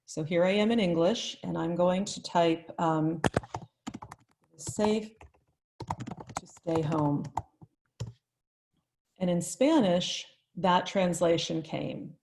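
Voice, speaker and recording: A woman, a teacher trainer, giving a live online tutorial in a friendly, chatty way and thinking out loud as she goes. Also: lowish voice, measured pace, gravelly, hardly any pauses, background noise.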